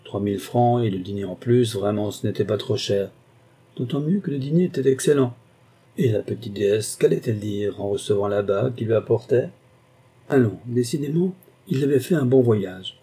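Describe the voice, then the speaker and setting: A man narrating a classic novel as an audiobook, in a steady, even storytelling manner. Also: on the low side, brisk, husky. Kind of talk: scripted narration.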